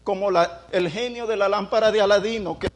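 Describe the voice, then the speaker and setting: A man preaches a fiery sermon, rising into loud prayer and firing rhetorical questions at the congregation. His voice is high and his pace a bit quick.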